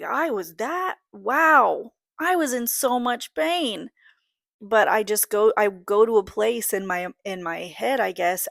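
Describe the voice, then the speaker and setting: A woman's voice: mid-range voice, gravelly, dry recording, studio quality. A woman in her thirties hosting a casual solo podcast, talking in a rambling, candid way that often breaks off and restarts. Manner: rambling, self-interrupting, candid. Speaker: podcast host.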